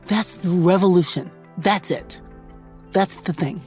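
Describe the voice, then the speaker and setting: A woman's voice: lowish voice, measured pace, faint music behind. A woman hosting a podcast as a reverend, talking in an exuberant, emphatic, playful way. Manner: exuberant, emphatic and playful, shifts between loud and soft. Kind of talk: casual podcast conversation. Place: New York.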